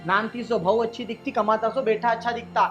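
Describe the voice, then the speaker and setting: A man's voice: high-pitched, steady tone, dull audio, music in the background, lightly acted. A man playing a son who lectures his mother and in-laws in a comic family skit. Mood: lecturing. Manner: fast, preachy, lecturing. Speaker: son and peacemaker in a family sketch.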